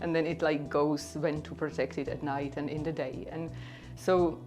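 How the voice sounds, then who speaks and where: A woman's voice: low voice, steady tone, normal speed, music in the background. A woman from the Czech Republic, speaking English with a Czech accent, tells her personal testimony in an earnest, conversational way full of "like" and "you know.". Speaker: speaker sharing her faith story.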